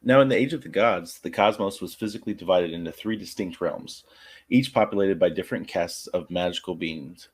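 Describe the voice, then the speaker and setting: Guy with a really low voice reading slides out, measured, kinda hesitant off script. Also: a little hiss or hum. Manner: measured reading, hesitant when speaking freely. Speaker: panel guest.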